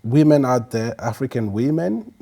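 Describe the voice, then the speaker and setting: A man's voice: mid-range voice, animated, normal speed, creaky, warm tone. A man hosting a podcast, upbeat and motivational as he thanks the guest and wraps up. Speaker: podcast host. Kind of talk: interview conversation.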